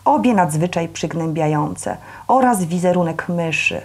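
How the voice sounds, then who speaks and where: Husky woman reading a novel aloud. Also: on the low side, expressive, a little slow, darkish tone. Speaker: reader at a public reading.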